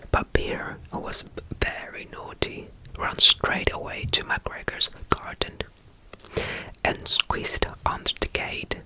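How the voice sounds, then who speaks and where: This slow ASMR caretaker roleplay comes through a rough recording. The whispering is soft and calming, with gentle phrases repeated and a bedtime story read aloud.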